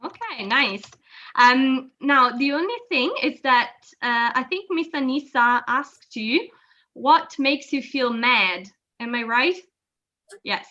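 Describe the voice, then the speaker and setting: A woman teaching English on a video call, patient and explaining slowly with many fillers. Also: high-pitched, expressive, pushed and bright, muffled recording. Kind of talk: online language lesson.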